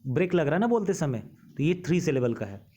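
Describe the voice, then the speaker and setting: Male teacher, slightly high voice, grammar lesson, slow read-out rules, repeated questions to the class. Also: sing-song, mellow, breathy edge, highs cut off. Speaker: English teacher. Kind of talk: Hindi-English grammar lesson.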